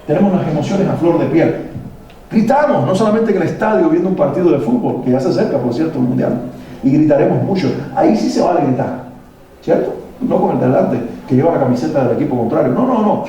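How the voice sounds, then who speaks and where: A man's voice: a little high, expressive, fairly quick, mellow. A man giving a motivational talk to parents in a hall, posing rhetorical questions to the audience. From Latin America. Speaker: speaker at a parenting workshop. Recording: very echoey hall, mic at a distance, faint noise.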